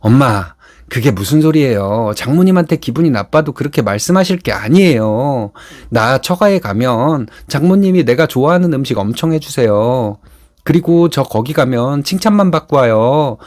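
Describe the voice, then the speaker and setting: A man's voice: medium pitch, expressive, normal speed, a little mellow, close to an everyday voice. A man voicing a grown son who reasons with his mother and pleads with her to back down. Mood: pleading. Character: exasperated grown son defending his wife.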